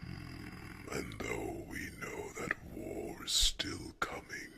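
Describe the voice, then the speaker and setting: In an ASMR fantasy roleplay, a man voices a gentle, wise, protective dragon, speaking deliberately in a very deep, exaggerated, gravelly, breathy half-whisper punctuated by musing hums. The mood is soothing and reassuring.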